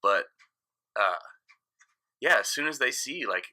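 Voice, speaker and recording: A man's voice: mid-range voice, animated, measured pace, sharp tone. A man in his thirties, a guest DJ, telling stories in a frank, rambling way in casual podcast chat. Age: 30s.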